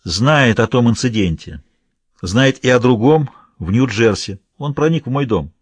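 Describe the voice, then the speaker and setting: A man's voice: medium pitch, animated, measured pace, breathy edge, no echo. Man reading as a blunt, tense male accomplice.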